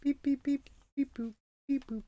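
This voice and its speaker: A woman's voice: high-pitched, fairly even intonation, unhurried, warm tone, no room sound, lo-fi sound, voice pushed up. A woman putting on a robot voice, chirping beeps and boops in casual chat. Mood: playful. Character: beeping little robot, chirpy and mechanical.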